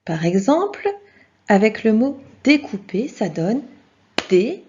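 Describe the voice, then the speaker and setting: Slow, husky-voiced woman teacher. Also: mid-range voice, sing-song, dark tone. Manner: slow, patient, encouraging, speaks to the child directly. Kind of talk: children's video lesson. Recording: dull lo-fi sound.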